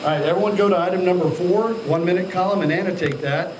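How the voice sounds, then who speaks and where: A man's voice: high voice, fast talker. A man giving live hands-on instruction to trainees, directing them and quizzing them as he checks on them. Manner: directive, questioning, addresses trainees as sir. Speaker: altitude chamber instructor. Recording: echoey, distant mic, loud machinery hum.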